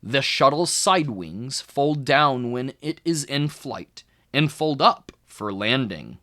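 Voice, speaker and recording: Acting as a tutor, a man narrates a children's book in an expressive, teaching style. He phrases things deliberately, leans on important words, and speaks at a medium pitch.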